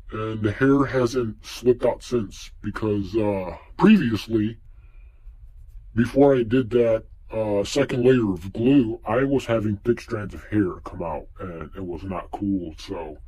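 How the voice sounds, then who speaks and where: A young man reviewing a mask in a casual vlog, talking through a face mask, relaxed and rambling with lots of fillers. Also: on the low side, low-quality recording.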